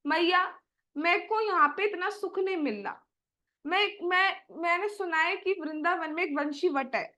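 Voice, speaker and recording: एक महिला की आवाज़ में नन्हा, चंचल कान्हा अपनी मैया से बार-बार विनती करता है। आवाज़ बहुत ऊँची और खनकदार है, और हर वाक्य में मनुहार झलकती है।. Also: female voice, extremely high pitch, a little slow, pushed and bright, full character voice. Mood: pleading. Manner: pleading, repeating his request. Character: young boy Krishna, playful and pleading.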